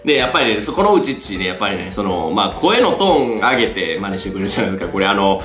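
A man's voice: on the low side, sing-song, racing, a bit bright, roomy sound, faint music behind. Playful Kansai-dialect man vlogging. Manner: chatty and playful, laughs often. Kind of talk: casual product showcase vlog.

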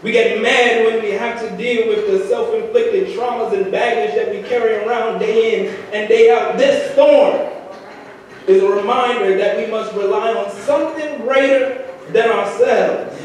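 A man's voice: high-pitched, measured pace, slight background noise. A young man preaching a sermon from the pulpit, with rhythmic repeated phrases that swell into sung climaxes. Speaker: lay preacher. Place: large church sanctuary. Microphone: handheld mic at pulpit. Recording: echoey church from far off.

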